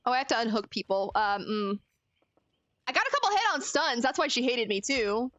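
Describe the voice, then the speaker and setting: A woman's voice: a little high, sing-song, brisk, fairly bright tone, dry recording. A woman streaming a game, chatting casually with viewers and reacting expressively, swinging between frustrated cries and laughs. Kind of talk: casual gaming commentary.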